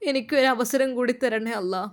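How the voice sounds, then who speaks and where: A woman's voice: a little high, moderate pace, close to an everyday voice. A woman voicing a young remorseful mother who prays tearfully and pleads for forgiveness. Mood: tearful pleading.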